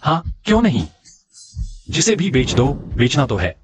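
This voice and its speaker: A man's voice: medium pitch, huge pitch swings, normal speed, a little hiss or hum. A young man voicing a bold, cocky fighter in a dubbed drama, with a taunting delivery. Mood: calm. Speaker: dub voice actor. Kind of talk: Hindi drama dubbing.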